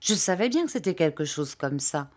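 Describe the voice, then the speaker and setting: A woman plays a big-hearted old fisherman in a storybook reading, booming out his praise and exclamations. His voice sits a touch low and even. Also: fairly quick. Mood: hearty.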